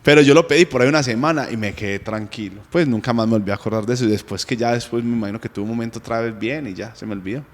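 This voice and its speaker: Colombian man, self-mocking storyteller, mid-pitched voice, long hall echo. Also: very fast, hardly any pauses. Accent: Colombian Spanish. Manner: lively, self-mocking, chuckles often. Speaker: guest giving a faith testimony. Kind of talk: casual storytelling testimony.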